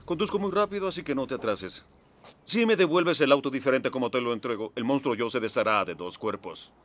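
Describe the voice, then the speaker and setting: A man acts out a middle-aged underworld fixer from a dubbed film. He gives orders briskly with dry sarcasm and very lively intonation. There is slight noise behind him. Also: mid-range voice, lightly acted. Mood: stern, sardonic. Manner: authoritative, clipped, dryly sardonic. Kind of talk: dubbed film dialogue in Spanish. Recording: film soundtrack with faint background noise.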